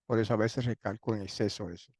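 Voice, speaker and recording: A man teaching a sermon-style Bible lesson who often clears his throat, asks rhetorical questions and repeats points for emphasis. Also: on the low side, fairly even intonation, fast, darkish tone, dry recording, studio quality.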